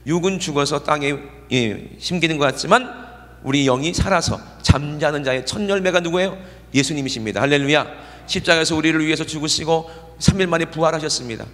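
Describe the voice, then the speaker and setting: Pastor preaching in a reverberant church. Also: male voice, on the high side, fairly quick, fairly bright tone. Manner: conversational, keeps checking in with the congregation. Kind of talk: sermon. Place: church sanctuary.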